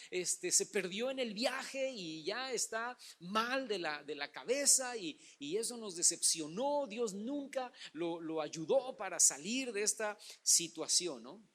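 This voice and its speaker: A man's voice: high-pitched, a bit bright. Man preaching a Sunday sermon. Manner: preaching, addresses the congregation as brother, dramatizes Bible stories. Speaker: pastor.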